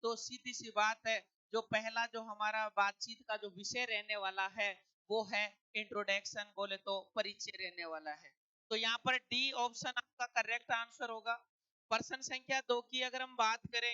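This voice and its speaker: Male exam-prep tutor, crisp bright voice, dry close sound, poses and answers his own questions. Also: very high voice, dry recording, muffled recording. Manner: explains step by step, asks and answers own questions.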